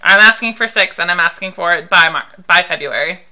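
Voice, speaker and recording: Bright-voiced playful woman podcast co-host. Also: lowish voice, a little fast. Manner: playful, teasing. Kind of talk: casual chat.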